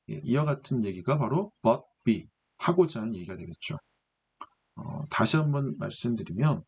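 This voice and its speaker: A man teaches an English text in a patient, explanatory way, asking himself questions and then answering them. His voice is slightly husky, and his pitch moves in a lively way as he stresses each point. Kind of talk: lecture explaining English grammar.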